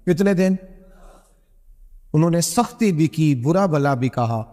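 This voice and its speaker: A man's voice: fairly high pitch, lively intonation, mellow. A man preaching a storytelling sermon, earnest, asking the listeners questions. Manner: earnest, rhetorical questions to the audience. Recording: echoey hall with long reverb.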